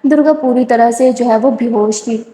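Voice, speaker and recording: Woman storyteller, chatty casual retelling; high voice, echoey room. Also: warm tone. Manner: chatty, filler-heavy retelling. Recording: roomy echo.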